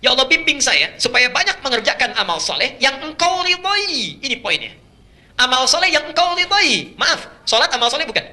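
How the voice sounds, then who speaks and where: Male preacher, quick and bright, emphatic sermon delivery with chanted verses. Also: very high-pitched, sing-song. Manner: emphatic, repeats key phrases, chants Quranic verses. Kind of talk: Islamic sermon.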